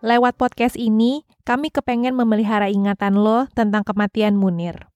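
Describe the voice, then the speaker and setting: A woman's voice: a little high, fairly even intonation, moderate pace, a little mellow, no room sound, faint music behind. A woman with an Indonesian accent hosting a podcast, reading scripted narration in casual everyday language. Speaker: podcast host.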